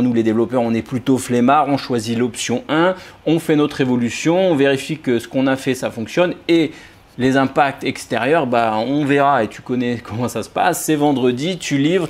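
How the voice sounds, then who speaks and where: A man talks straight to his viewers like a colleague, loose and informal, tripping over his words and restarting his sentences. He sprinkles in dry, sarcastic jokes while he explains his developer habits, at a middle pitch. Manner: informal, addresses viewer as "tu", frequent restarts and hesitations; jokey, sarcastic asides. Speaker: software developer explaining testing. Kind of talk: casual explainer vlog.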